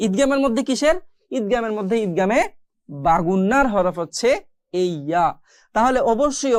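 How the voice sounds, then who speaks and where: A woman teaching the rules of Quran recitation, explaining each step patiently with questions to the listener and stretching out the example sounds slowly. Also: on the high side, no echo, clean studio sound. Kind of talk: tajweed lesson with slow, drawn-out recitation examples.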